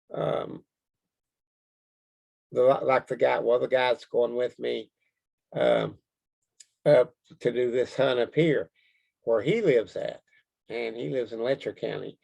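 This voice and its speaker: A man's voice: mid-range voice, gravelly, warm tone, rough recording. A man with a Kentucky accent, chatting in a rambling, folksy way as an interview guest. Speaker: Bigfoot researcher being interviewed. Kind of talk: casual interview chat.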